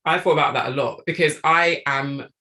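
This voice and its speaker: A woman's voice: sits low, normal speed, sharp tone. A middle-aged woman, an author chatting reflectively as a guest on a live stream.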